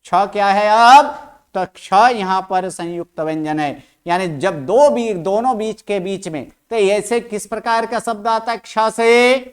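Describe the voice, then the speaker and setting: A teacher runs an online language lesson, constantly asking the class questions and repeating each sound aloud for pronunciation drills. The voice is mid-range, smooth, and a little slow.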